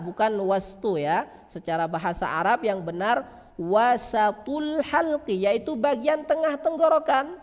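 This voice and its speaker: A man teaching Quran recitation, who asks questions and answers them himself and draws out sounds slowly to demonstrate them. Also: very high-pitched. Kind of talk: religious lesson on pronunciation. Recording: long hall reverb.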